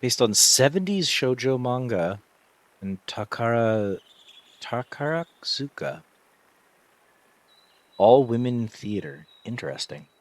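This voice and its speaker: A man's voice: medium pitch, sing-song, takes it slowly, pauses often, dry recording. Rambling, reflective livestream host, a man, dry sound. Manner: rambling, reflective, searching for words. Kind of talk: casual livestream chat while gaming.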